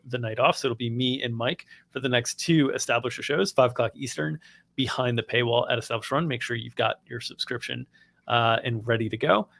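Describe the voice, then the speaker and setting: A man's voice: mid-range voice, vocal fry, a bit bright. Upbeat male sports-stream host. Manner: upbeat, plugs sponsors in a practiced read. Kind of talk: live-streamed sports betting show.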